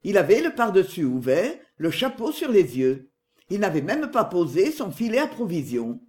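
Expressive audiobook narrator, scripted reading, animated pitch, mid register. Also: moderate pace.

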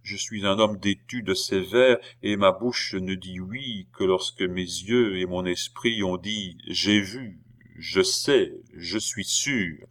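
A man reading an audiobook, voicing a stern doctor who speaks in a measured, solemn way. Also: low-pitched, a bit bright. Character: grave, stern middle-aged doctor.

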